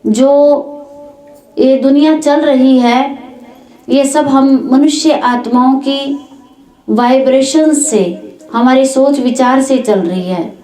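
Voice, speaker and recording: Slow-spoken woman giving a spiritual talk. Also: sits high, mellow. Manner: slow, explaining with spoken examples. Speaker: spiritual speaker. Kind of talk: spiritual discourse. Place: village gathering hall. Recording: echoey room.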